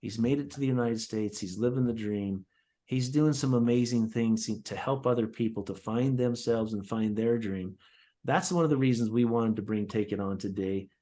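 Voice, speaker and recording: An upbeat man co-hosts a podcast, introducing his guest with enthusiasm. His voice sits at a medium pitch and he keeps a friendly, conversational pace. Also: moderate pace, warm tone. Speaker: podcast co-host. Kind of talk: podcast interview hosting.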